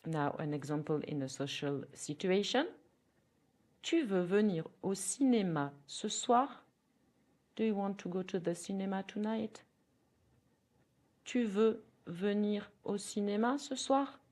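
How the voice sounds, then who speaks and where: A woman teacher with a French accent giving a podcast language lesson. She speaks carefully and repeats phrases slowly for learners to copy. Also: medium pitch, a little mellow.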